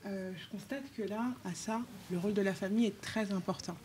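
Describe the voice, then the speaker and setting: A woman's voice: medium pitch, fairly even intonation, fairly quick, a little mellow. A woman with a French accent hosting a talk show, prompting her guest with questions and finishing her sentences. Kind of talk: interviewing.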